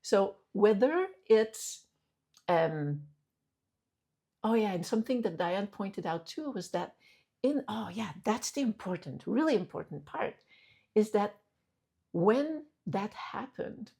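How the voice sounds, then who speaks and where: A woman's voice: medium pitch, expressive, slow pace, creaky, pauses often, dark tone, breathy edge. A woman hosting a personal talk, telling a story in a candid, rambling way with frequent restarts. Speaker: host. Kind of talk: reflective personal monologue.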